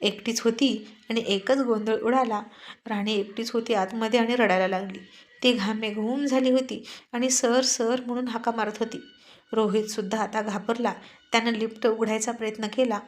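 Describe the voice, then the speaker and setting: A woman narrating a serial story in a steady, expressive way. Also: a little high, moderate pace.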